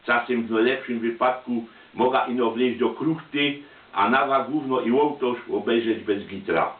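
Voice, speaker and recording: A man with a Silesian accent delivers a personal monologue in chatty dialect. His medium-pitched voice comes through thin and boxed in, away from the mic in a reverberant room. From Silesia, Poland. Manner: chatty, colloquial. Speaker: storyteller, amateur photographer. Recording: tinny, roomy, distant microphone.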